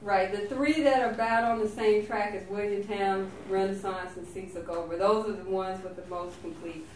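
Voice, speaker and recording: A woman's voice: medium pitch, fairly even intonation, moderate pace, darkish tone. A woman with a Southern Alabama drawl, explaining things as a staff member at a board meeting. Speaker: housing authority staff member. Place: indoor meeting room. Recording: echoey room, distant mic, faint noise.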